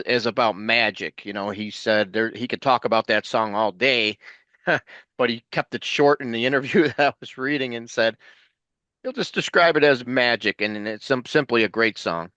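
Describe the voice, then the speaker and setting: A man's voice: medium pitch, normal speed, bright, forceful tone, smooth, no room sound, muffled recording. A man talking casually as a guest, rambling and repeating words as he restarts his sentences. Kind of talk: casual chat.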